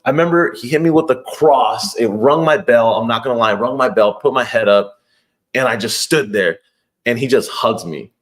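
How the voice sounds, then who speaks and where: An earnest young man talks through a personal story as a podcast guest, casual and heartfelt. His voice sits at an ordinary middle pitch, and he often circles back and restarts his sentences as he goes. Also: normal speed.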